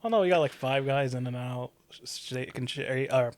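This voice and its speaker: A man's voice: medium pitch, normal speed. A young man co-hosting a podcast, explaining things in a laid-back way with many hesitant restarts. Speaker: podcast co-host. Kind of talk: casual chat.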